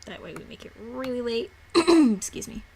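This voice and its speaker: A woman's voice: a little high, very animated, normal speed, a little mellow, breathy edge. A woman giving a casual tutorial, rambling and often restarting or repeating her words. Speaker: tutorial maker. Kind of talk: casual screen-recorded tutorial.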